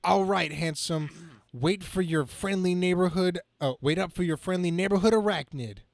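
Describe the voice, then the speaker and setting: A man acts out a brash young comic-book superhero full of flippant quips. The voice sits a little high and is recorded fairly dry. The reading is amateur and stumbles now and then. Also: normal speed, vocal fry, no echo. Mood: flippant, wisecracking. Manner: flippant, quippy, stumbling over the script.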